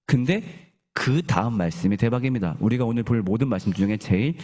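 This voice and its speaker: A male pastor preaching a sermon in a church, animated and often asking the congregation questions. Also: mid-range voice, brisk.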